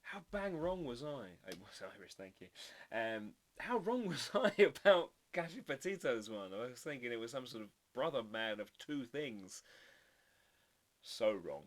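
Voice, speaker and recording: A man's voice: mid-range voice, sing-song, moderate pace. A man hosting a live drawing stream, chatting casually and playfully while trying out foreign words. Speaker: livestream artist host.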